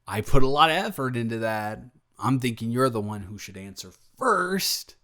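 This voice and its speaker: In an improvised romantic audio roleplay, a man plays a smitten, playful young roommate, rambling jokily while halting and correcting himself. He sounds earnest and teasing, with an expressive, slightly bright mid-range voice close to how he'd normally speak.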